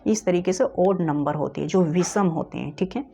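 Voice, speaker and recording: A man's voice: high voice, moderate pace, gravelly, dark tone. A man teaching an exam-prep reasoning lesson, explaining step by step and checking in with his students after almost every point. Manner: explains step by step, keeps asking "ठीक है?". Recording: slightly dull, faint background hiss.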